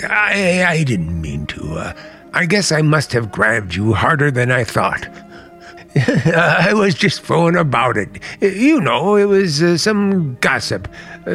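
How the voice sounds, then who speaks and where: In an old-time radio drama, a male actor voices an uncle who is charming yet secretive and bitter, wavering hesitantly before turning sharp. His voice sits a little high, gravelly and exaggerated.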